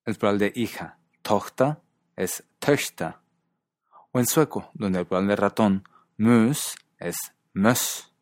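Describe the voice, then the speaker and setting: Man, scripted lesson narration, measured and careful, deep voice, dry sound. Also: no echo. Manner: calm, measured, pronounces foreign example words carefully. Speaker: narrator of a language video.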